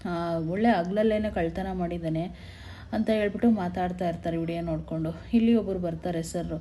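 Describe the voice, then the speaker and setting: A woman's voice: on the low side, fairly quick, mellow. A woman casually retelling a TV serial episode in a chatty, sympathetic storytelling manner. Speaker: serial recap narrator.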